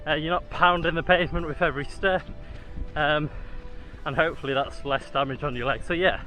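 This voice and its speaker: A man's voice: on the high side, steady tone, a little fast, bright, forceful tone, soft background music, rough recording. A man chatting casually to his viewers while he jogs outdoors. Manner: talking while jogging. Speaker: running vlogger. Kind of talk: casual vlog talk to viewers. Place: outdoors, on a run.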